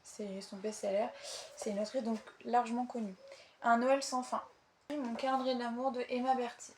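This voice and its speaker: A woman's voice: fairly high pitch, flat delivery, normal speed, darkish tone, slight background noise. A young woman chatting casually and eagerly about her books, with frequent hesitations. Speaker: book vlogger. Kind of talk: casual chat.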